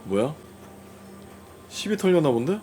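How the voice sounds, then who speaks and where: A man's voice: fairly high pitch, big pitch swings, rapid-fire, dark tone, faint music behind. A man doing casual game commentary, playfully grumbling and talking back to the game. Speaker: gaming streamer playing and reacting.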